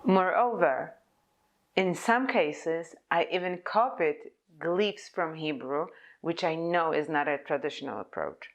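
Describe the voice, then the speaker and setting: In a prepared conference presentation, a young Polish-speaking woman describes a typeface she designed, using English. Her slightly low voice is expressive, though her pace stays measured and deliberate, as if she's reading notes.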